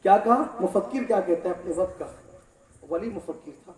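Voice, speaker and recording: A man preaching a sermon to a congregation, impassioned, swinging from loud shouts to low, quiet lines. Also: a little fast. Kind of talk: Urdu-Hindi religious sermon to a congregation. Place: large hall or mosque gathering. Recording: echoey distant mic in a hall.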